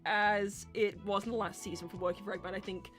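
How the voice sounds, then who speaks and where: In a casual livestream Q&A, a roleplay streamer candidly answers questions with rambling explanations. Her medium-pitched, slightly bright voice is brisk with fairly even intonation, over soft background music.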